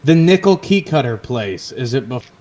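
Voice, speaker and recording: A man's voice: mid-range voice, very animated, normal speed, darkish tone, slight background noise. A man's voice keeps cutting in and out over an online call as he asks short questions during a tabletop game. Words drop away mid-sentence, so he repeats himself in a plain, casual tone. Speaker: player.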